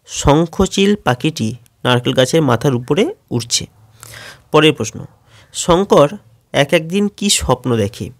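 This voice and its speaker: A man teaching schoolchildren in a steady question-and-answer lesson, announcing each question and then answering it, with a Bengali accent. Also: fairly high pitch, unhurried, long pauses, dry recording.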